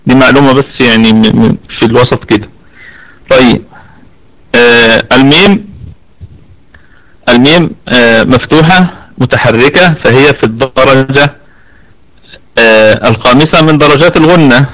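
A man with an Egyptian accent teaching an online Quran recitation lesson, explaining patiently and repeating words slowly to demonstrate. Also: medium pitch, fairly bright tone, rough recording. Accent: Egyptian Arabic. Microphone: computer mic over an online voice chat.

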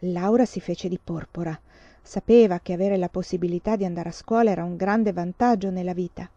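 A woman reading a children's novel aloud with calm, measured narration. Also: fairly low pitch, no echo. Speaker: reader. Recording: slightly dull, dry recording.

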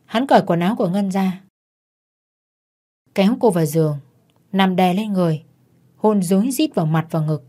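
A woman narrating a dark story in a tense, dramatic manner. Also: on the low side, lively intonation, moderate pace, pauses often.

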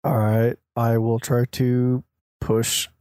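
A man's voice: medium pitch, level tone, slow pace, warm tone, clear, resonant tone, no echo. A man playing a tabletop game, speaking hesitantly with frequent stumbles and restarts. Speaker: player.

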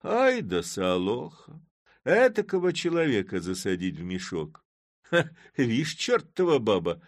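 Man putting on a raised, lively, boisterous Cossack for a storybook reading; mocking and loud. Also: mid-range voice, a little slow, no echo, clean studio sound, pitched above the performer's own voice. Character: boisterous middle-aged Cossack man, blustering and sly.

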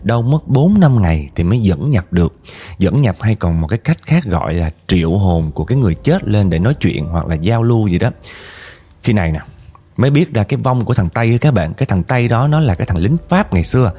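A man's voice: fast talker, breathy edge. A man casually telling a ghost story to his viewers, his voice climbing when he quotes angry outbursts. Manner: animated, rises in pitch when quoting angry speech.

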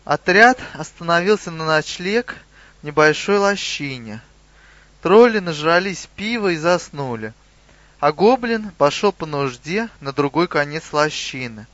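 Male audiobook narrator, measured, higher voice, dull lo-fi sound. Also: lively intonation, fairly bright tone, dry recording. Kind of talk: scripted narration.

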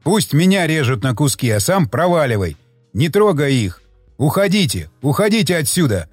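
A man reading an audiobook, voicing a panicked male comrade who pleads and shouts. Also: mid-range voice, sing-song, a little slow, husky, dry recording, soft background music. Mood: frantic pleading. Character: frantic desperate man, Shcherbatin.

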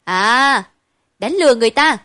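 Woman doing a shrill spoiled little boy. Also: expressive, normal speed, sharp tone, dry recording. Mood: accusing. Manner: shrill, demanding.

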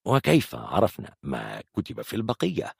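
A man doing a gravelly, threatening young gunman. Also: wildly swooping pitch, normal speed, no room sound, clean studio sound, exaggerated voice. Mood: harsh, demanding. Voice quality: gravelly, husky, higher than narrator. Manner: harsh, threatening, demanding questions. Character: menacing armed young man, impatient, hostile interrogator. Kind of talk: audiobook character voice.

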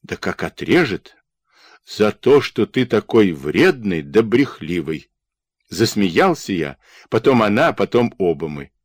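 A man's voice: lowish voice, big pitch swings, unhurried, slightly rough, no room sound, clean studio sound, exaggerated voice. A man voicing a jovial, boastful young soldier who talks in teasing, folksy banter.

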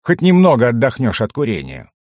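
A man voicing a loud, teasing male dwarf. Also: mid-range voice, wildly swooping pitch, a little fast, no room sound, studio quality. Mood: grudging. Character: boisterous, mocking male dwarf.

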